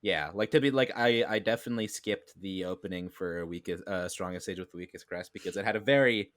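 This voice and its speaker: A man's voice: deep voice, a little fast, fairly bright tone, no echo, studio quality. A man co-hosting a podcast in casual chat, rambling with lots of filler and slipping into goofy voices. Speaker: podcast co-host.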